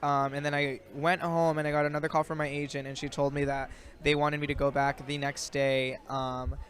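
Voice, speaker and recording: A man's voice: on the high side, level tone, brisk, fairly bright tone. A young adult man, an actor guest, answering interview questions in a loose, rambling way full of ums and likes. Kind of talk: casual interview chat. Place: outdoors in a built-up area.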